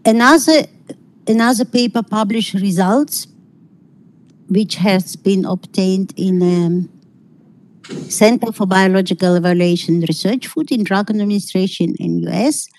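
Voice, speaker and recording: Slow, halting middle-aged woman lecturing online. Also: mid-range voice, rough recording. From Kazakhstan. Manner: halting, searching for words, non-native phrasing. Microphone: video call.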